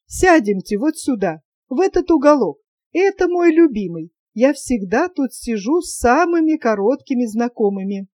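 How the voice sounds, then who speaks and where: A woman's voice: sits high, sing-song, normal speed, darkish tone, dry recording. A woman voicing a talkative, self-satisfied wealthy lady in a storybook reading, chatty and coquettish.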